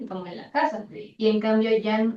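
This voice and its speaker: A woman's voice: on the high side, fairly even intonation, normal speed. A young woman from Venezuela, a university student in a focus group, giving a thoughtful personal account and often searching for words. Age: young adult. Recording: distant, roomy, muffled recording with faint noise.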